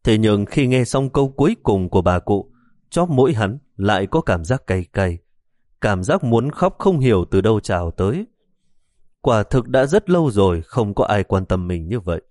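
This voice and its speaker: A man narrating a story in a steady audiobook style. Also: on the low side, normal speed, no room sound, studio quality.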